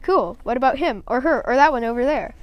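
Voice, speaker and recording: This is an eager schoolboy in a storybook, bubbling with wonder at each new thing, as a woman reads him. His voice rides a touch high and sounds smooth and clean. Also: dull audio. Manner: excited, quick to marvel. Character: eager young boy, friendly and excitable.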